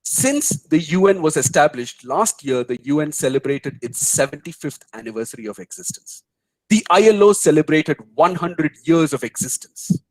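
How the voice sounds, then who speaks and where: A middle-aged man with an Indian English accent, speaking as a guest on a webinar and telling anecdotes in an animated way. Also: on the high side, moderate pace, dry recording, rough recording. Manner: storytelling, animated, mimics voices in anecdotes. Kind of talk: webinar talk answering questions.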